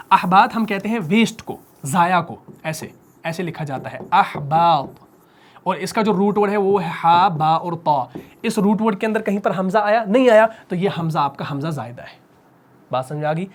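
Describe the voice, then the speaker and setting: A man teaching a Quran recitation lesson. He repeats key points, asks his class rhetorical questions, and slows to a near whisper on the words that matter. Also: high voice.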